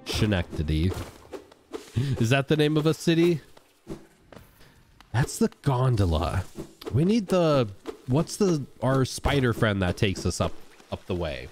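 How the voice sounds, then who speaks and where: A man's voice: a little slow, pauses often, faint music behind. A man streaming a video game, chatting casually and rambling while he greets and answers his viewers. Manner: animated, jumps into high excited outbursts. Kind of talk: casual live-stream gameplay chat.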